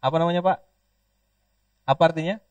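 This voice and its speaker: A man from Pontianak, Indonesia, preaching a lively sermon, joking and leading call-and-response with the audience. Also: on the high side, brisk, no room sound, muffled recording. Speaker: Islamic preacher. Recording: dry, distant mic.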